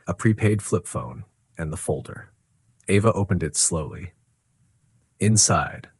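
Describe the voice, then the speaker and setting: A man narrating a dramatic life story in a scripted, slow and measured way. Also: low-pitched, no echo.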